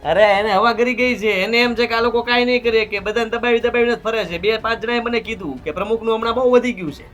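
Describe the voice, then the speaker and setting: A man's voice: very high-pitched, fast, a bit bright, faint music behind. An actor playing a hot-headed young businessman who talks in a curt, defiant, dismissive way. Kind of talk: film drama acting.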